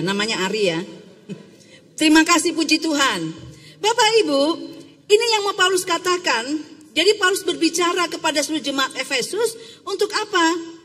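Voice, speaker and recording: Woman pastor preaching in a reverberant church. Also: high voice. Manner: lively, talks with the congregation and asks for raised hands. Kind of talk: Sunday sermon. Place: church sanctuary.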